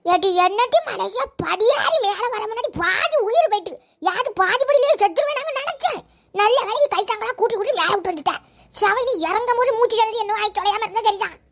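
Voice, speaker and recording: A cranky old cartoon grandmother, as a woman puts her on, grumbling and scolding. Her voice is pitched up very high and squeaky. She talks as if she is always short of breath. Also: animated, a little fast, fairly bright tone, exaggerated voice. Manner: scolding, complaining.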